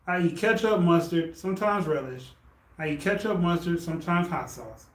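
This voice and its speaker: A man co-hosting a podcast, telling stories in a lively, slangy casual chat. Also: a little high, moderate pace, reverberant. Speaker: podcast co-host.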